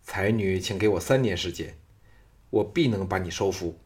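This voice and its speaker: Brief: self-assured young hero from a storybook, read by a man, teasing, low voice. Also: normal speed, a little mellow, lightly acted. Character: confident playful young male hero.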